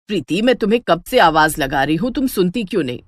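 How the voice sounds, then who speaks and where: A woman's voice: fairly low pitch, very animated, quick pace, no echo, clean studio sound. Female narrator playing a fierce middle-aged cartoon mother-in-law, bossy, scolding delivery.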